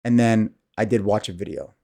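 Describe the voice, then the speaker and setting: A man's voice: on the low side, expressive, a little fast, gravelly, warm tone. A man in his thirties talking candidly to camera in a casual, rambling monologue, sighing often. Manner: candid, rambling, self-deprecating, sighs often. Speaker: vlogger.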